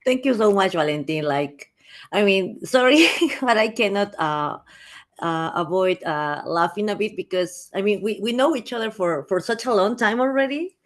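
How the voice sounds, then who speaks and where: A woman's voice: mid-range voice, expressive, moderate pace. Chatty Peruvian woman in her thirties. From Peru. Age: 30s. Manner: chatty with frequent fillers and restarts. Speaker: guest speaker. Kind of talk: conversational interview.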